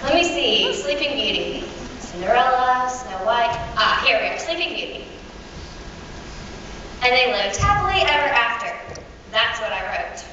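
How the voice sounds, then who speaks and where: A woman playing a brisk, dry-witted royal scribe in a stage fairy-tale comedy. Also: on the high side, animated, sharp tone. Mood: dry, unimpressed. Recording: distant muffled hall, heavy echo, noisy.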